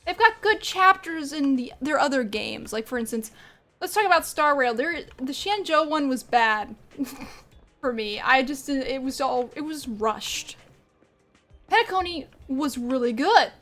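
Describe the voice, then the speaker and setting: A woman's voice: high-pitched, expressive, measured pace, fairly bright tone. A woman streaming a game, chatting casually and rambling as she plays, often laughing. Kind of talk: casual live-stream chat while gaming.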